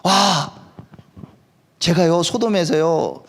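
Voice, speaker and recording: A man's voice: sits high, extremely slow, full character voice. A man voicing Lot, a humbled nephew who pleads earnestly to stay close to his uncle. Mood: pleading.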